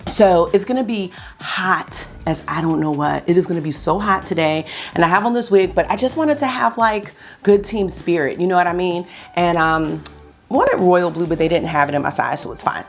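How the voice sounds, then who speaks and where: A beauty vlogger in her thirties chats to camera from her bedroom at home, calling her viewers y'all. Her lowish voice moves at a moderate pace and sounds a little scratchy this early in the morning, but she stays upbeat and talkative.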